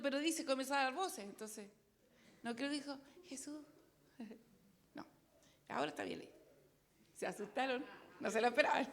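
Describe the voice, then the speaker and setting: A woman's voice: sits high, sharp tone. A woman preaching a sermon, chatty and joking with the congregation.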